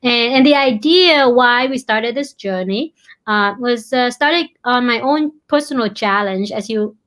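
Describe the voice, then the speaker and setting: A woman's voice: fairly high pitch, unhurried, a bit bright. A woman from Vietnam with a Vietnamese accent, a company founder speaking as an interview guest, earnest and often repeating words as she searches for them.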